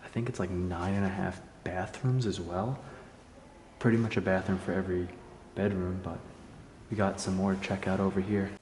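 A man with a deep, mellow voice talks his way through an empty house in a relaxed, musing walkthrough. The camera mic picks him up with a faint hiss behind him. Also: normal speed. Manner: relaxed, musing, low-key asides. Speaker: urban explorer filming a tour. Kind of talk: casual walkthrough narration. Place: indoors in a large empty house.

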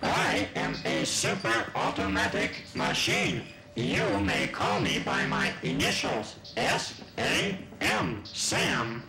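A man voicing a boastful, stubborn robot machine in a stiff, deliberate robotic voice for a children's puppet sketch. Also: on the low side, fairly even intonation, gravelly, echoey room, music in the background.

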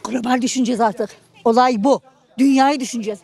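Toothless older woman, very high-pitched. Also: fairly even intonation, fast talker, gravelly, a little mellow, some chatter behind. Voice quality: toothless, mushy articulation. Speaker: street interviewee. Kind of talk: casual street interview. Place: busy outdoor street market. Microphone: handheld reporter microphone held close.

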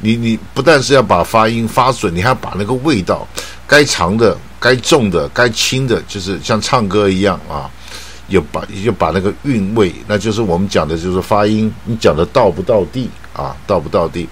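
Low-voiced taiwanese guy teaching english sounds, stretches the example words out slow, lots of little filler sounds. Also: fairly bright tone, a little hiss or hum. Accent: Taiwanese Mandarin. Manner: slow drawn-out model words, frequent filler particles. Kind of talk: pronunciation lesson.

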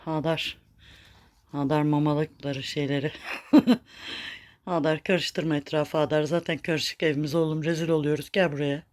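A woman's voice: low voice, fairly even intonation, a little slow, pauses often, a little mellow. A woman caring for a street cat at home and talking to it in fond, chiding baby talk, repeating its name, with a cat purring nearby. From Turkey. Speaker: street cat rescuer and vlogger.

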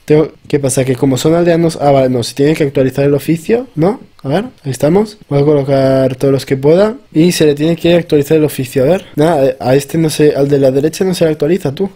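A man's voice: a little high, fast, hardly any pauses, warm tone. A young man with a Spain Spanish accent, chatting casually as he plays and exclaims at the game. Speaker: gaming youtuber. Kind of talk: casual gameplay commentary.

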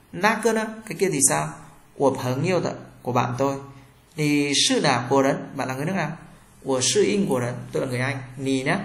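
A man gives a language lesson in a fairly high voice. He reads each example phrase slowly before translating it, and the room rings with echo. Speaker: Chinese teacher. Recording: echoey room.

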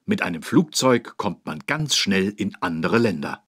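In a German cartoon game, a man voices a friendly, helpful policeman teaching small children road safety, explaining things simply and clearly in an instructive, didactic way. His exaggerated voice is low-pitched with big pitch swings and an unhurried pace, over a noisy background.

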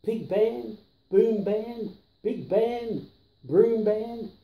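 A grandfather in his seventies, acting as storyteller, reads a rhyming children's book aloud from a living-room sofa, placing each tongue-twisting word carefully and with emphasis. His voice sits high and sounds creaky and narrow, and he goes very slowly. A camera a few feet away picks him up with tinny audio and a roomy living-room echo.

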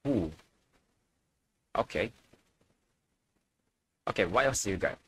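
A man's voice: on the low side, lively intonation, slow pace, fairly bright tone, breathy edge. A young man giving casual reaction commentary as a video host.

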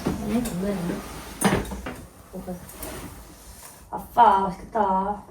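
A woman voicing a whiny, greedy young boy in a comedy sketch, sulking and breaking into tearful shouts. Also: medium pitch, steady tone, takes it slowly, lightly acted. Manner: whining, sulky, bursts into crying shouts. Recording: roomy sound from a distant mic, faint noise.

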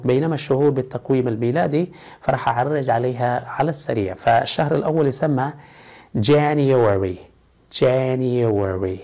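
Man slowly drilling English vocabulary. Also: medium pitch. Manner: says each English word slowly several times for learners to repeat; relaxed, explains in quick conversational Arabic. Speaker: English teacher. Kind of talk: vocabulary lesson in Arabic with English drill words.

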